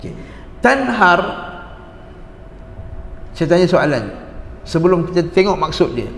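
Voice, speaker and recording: A man with a high, gravelly, fairly bright voice and big pitch swings teaches a religious class unhurriedly, often stopping to quiz listeners and repeat key words. He's recorded in an echoey hall with long reverb and faint noise underneath.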